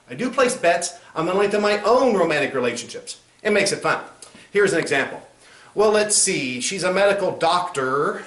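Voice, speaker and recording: A man playing a crude, cynical clown pitchman in a spoof infomercial, swearing and mock-sincere as he sells insulting greeting cards. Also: fairly bright tone. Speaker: comedian in character as a clown. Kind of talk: spoof infomercial sales pitch with recited rhyming card verses. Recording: roomy echo, faint background noise.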